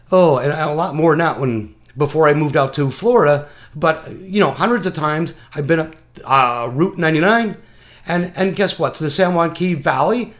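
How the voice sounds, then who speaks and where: A man calling in to a talk show, delivering a rambling, crude, mocking rant. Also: a little high. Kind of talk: ranting call-in monologue.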